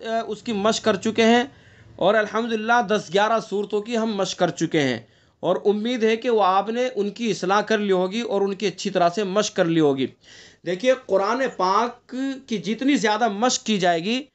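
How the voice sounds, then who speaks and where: A man teaching Quran recitation in an online class, asking his students questions and going over the rules step by step, with slow drawn-out recitation of the verses. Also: high voice.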